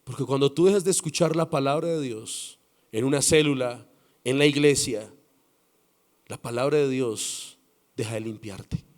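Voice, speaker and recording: A man with a Colombian accent preaching a sermon as pastor, dramatic and swinging between loud passages and hushed ones. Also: mid-range voice, normal speed.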